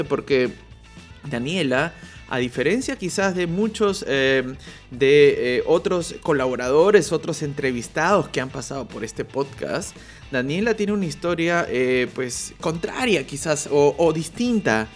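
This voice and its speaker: A Peruvian man hosting a casual podcast, talking in a chatty way with many fillers and repeated words. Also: fairly high pitch. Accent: Peruvian Spanish. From Peru. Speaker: podcast host. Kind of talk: casual podcast intro and interview.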